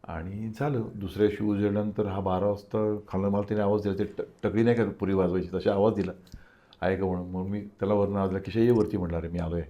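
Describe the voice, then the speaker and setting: A man's voice: lowish voice, level tone, fast talker, warm tone, highs cut off. An older man, an interview guest, telling a personal story and acting out the dialogue of the people in it.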